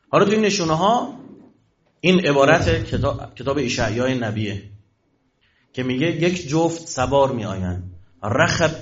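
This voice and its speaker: A man's voice: a little high, a bit bright. A man giving a religious lecture to an audience, asking questions and answering them himself. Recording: dull lo-fi recording.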